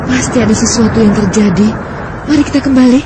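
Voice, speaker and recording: A woman's voice: on the high side, quick pace, background noise, natural voice. A woman playing an anxious young warrior mother. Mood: worried. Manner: worried, urgent. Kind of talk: radio play acting.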